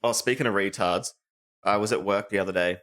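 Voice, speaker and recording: A young man with a fairly low voice tells a long story on a casual podcast. He swears freely and laughs as he goes. The talk is loose and chatty. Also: fairly quick, a bit bright. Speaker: podcast co-host.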